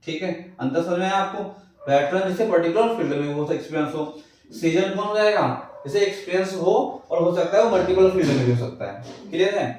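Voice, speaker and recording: A man's voice: high voice, fast talker, darkish tone. A male English teacher lecturing a class, who keeps asking his students questions and answering them himself. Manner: repeats checks like "clear hai". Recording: echoey classroom, far from the mic.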